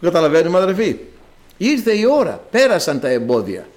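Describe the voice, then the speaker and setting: A man's voice: on the high side, wildly swooping pitch, darkish tone. A man preaching a sermon, emphatic and repetitive, reading scripture passages aloud. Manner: emphatic, repeats phrases, reads scripture in archaic Greek.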